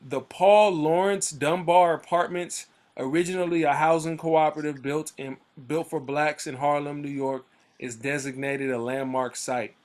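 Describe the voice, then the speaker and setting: Reading timeline entries aloud for his book club on a video call, a man from around Oakland, US, adds loose, conversational commentary packed with fillers and restarts. His voice is a little high, his intonation fairly even, and his speed normal.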